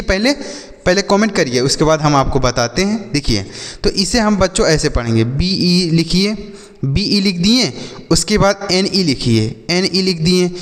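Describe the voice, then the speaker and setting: Man teaching English spelling in a hall. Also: fairly high pitch. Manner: repeats questions and answers, addresses children directly. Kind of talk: spelling lesson for children.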